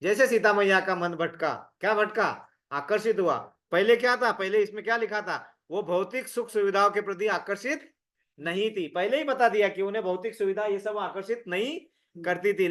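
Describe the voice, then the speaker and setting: A man's voice: high-pitched, normal speed, a bit bright. A man leading an interactive scripture class in a conversational way, quizzing his listeners and repeating words for emphasis. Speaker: scripture study leader.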